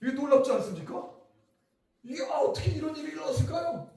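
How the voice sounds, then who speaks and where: A middle-aged man preaching a revival sermon, his mellow voice swinging up and down as he questions the congregation. The sound is very echoey, picked up from some way off the mic. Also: very high voice, fast, vocal fry, far from the mic. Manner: lively, talks to the crowd with questions. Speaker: pastor. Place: church hall.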